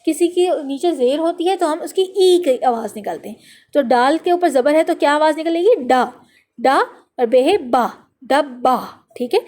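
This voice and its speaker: A woman teaching an Urdu phonics lesson to young children, sounding out letters and words slowly and clearly, with a Pakistani Urdu accent. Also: sits high, animated, warm tone. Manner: slow, drawn-out letter-by-letter sounding out.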